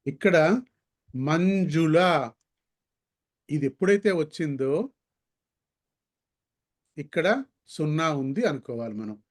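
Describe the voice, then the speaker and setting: A man teaching a language lesson, slowly sounding out syllables and words to demonstrate pronunciation. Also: fairly high pitch, expressive. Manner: slow, careful demonstration of sounds. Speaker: Sanskrit teacher.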